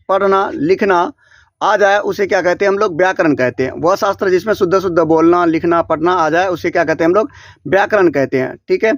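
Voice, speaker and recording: A man with a fairly high voice teaches a grammar lesson, posing each question and answering it himself in a steady drill. He often stops to restart or correct a word. The sound is dry and close, with little room echo. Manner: frequent self-corrections and restarts. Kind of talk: classroom-style grammar lesson. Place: small room beside a board.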